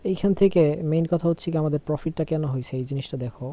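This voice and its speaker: A young man, unwell and speaking slowly, giving a casual screen-share trading tutorial and often checking "okay?". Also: on the high side, warm tone. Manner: slow, repeats phrases, asks "okay?" often.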